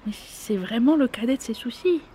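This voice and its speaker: Woman doing a grandmotherly Mrs Claus, storybook figure, higher voice, gently teasing, amused. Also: lively intonation, moderate pace, a little hiss or hum, lightly acted.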